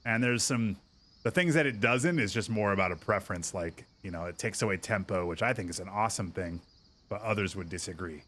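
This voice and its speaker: A man streaming a golf video game, chatting casually, answering viewer chat and getting excited over good shots. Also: lowish voice, fairly quick, a little hiss or hum. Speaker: gaming streamer. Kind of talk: casual livestream game commentary.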